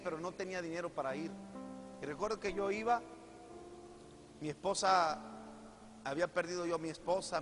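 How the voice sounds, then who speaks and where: A man's voice: high voice, fairly bright tone. A middle-aged Mexican man preaching a testimony, telling his story and often repeating phrases as he speaks straight to the congregation. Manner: storytelling, repeats phrases, addresses audience directly. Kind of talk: sermon testimony. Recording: echoey hall with music behind.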